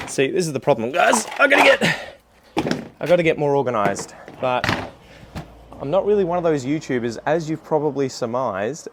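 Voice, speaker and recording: Aussie bloke chatting casually as he works, rambly and self-deprecating, average pitch, bit of noise behind him. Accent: Australian. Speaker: gardening video creator. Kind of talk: casual chat while demonstrating a task.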